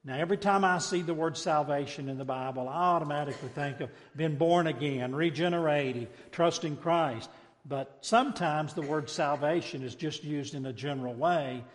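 A male pastor preaching a sermon with impassioned swings from loud to hushed, often repeating words as he starts a phrase. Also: a little high, moderate pace, long reverb tail.

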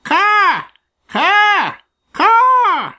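A shrill screaming crow. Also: male voice, wildly swooping pitch, very slow, pushed and bright, exaggerated voice. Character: loud cawing male crow.

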